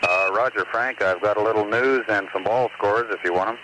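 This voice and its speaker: Mission control guy chatting on astronaut radio, lowish voice, plenty of static and hiss. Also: a little fast. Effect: space mission radio link. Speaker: capsule communicator at mission control. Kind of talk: casual astronaut radio exchange with news and scores.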